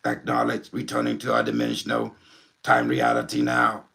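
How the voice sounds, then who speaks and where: A man voicing a calm, helpful male robot intelligence from the future, speaking slowly and mechanically, like system announcements. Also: mid-range voice, gravelly, full character voice.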